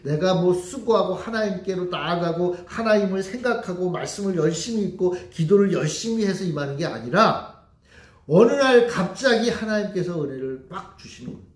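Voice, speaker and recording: A man's voice: high-pitched, reverberant. A man preaching a sermon as pastor, emphatic and full of rhetorical questions to the congregation.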